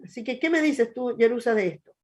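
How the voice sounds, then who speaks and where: Woman, Chilean accent, middle-aged pastor, slightly high pitch, conversational, halting. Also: animated. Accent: Chilean Spanish. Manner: conversational, hesitant, storytelling. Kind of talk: church talk show, teaching chat.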